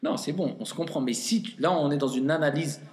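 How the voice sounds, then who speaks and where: A man teaching Arabic reading in a patient classroom way, slowly repeating syllables and gently correcting a student. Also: a little high. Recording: echoey room with long reverb.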